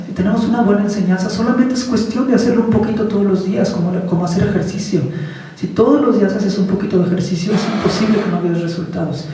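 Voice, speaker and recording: A man's voice: high-pitched, mellow. A man giving a Buddhist teaching as a casual talk, putting questions to the audience. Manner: conversational, asks the audience questions. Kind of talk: informal dharma talk. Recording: echoey hall, speaker far from the mic.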